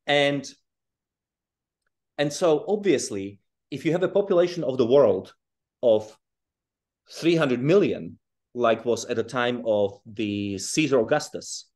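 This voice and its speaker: A guest author from Czechoslovakia and South Africa explains his ideas in a relaxed video-call interview, thoughtful and chuckling as he goes, often restarting phrases. His voice is medium in pitch, and he speaks at a measured pace with frequent pauses.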